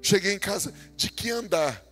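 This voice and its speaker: Man, Brazilian Portuguese accent, preacher, humorous storytelling sermon, animated, loud then soft, faint music underneath. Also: high-pitched, moderate pace. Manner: animated, jokey, acts out dialogue, swings from loud to soft.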